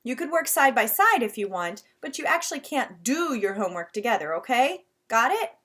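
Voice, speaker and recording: Woman voicing a brisk lecturing teacher. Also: on the high side, very animated, fairly bright tone.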